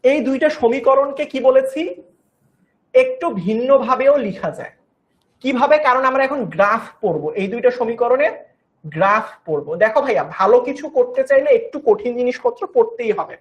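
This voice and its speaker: A woman's voice: on the high side, expressive, fairly quick, dull audio. A young woman giving an online chemistry class, patiently repeating each step and coaxing her students along. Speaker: chemistry teacher.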